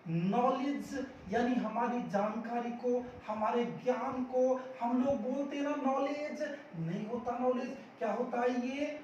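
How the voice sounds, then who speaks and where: In a lo-fi recording from an echoey room, a man with a very high, darkish voice runs a spoken-English drill at a measured pace, barely pausing. He quizzes the viewer on pronunciation, gives the answer, and repeats the words emphatically, with the distant mic picking up faint noise.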